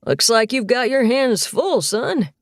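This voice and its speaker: A woman's voice: on the high side, lively intonation, measured pace, no room sound, studio quality, voice pushed up. A woman voicing a cheerful older grandfather calling out to his family in an audiobook. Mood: jovial.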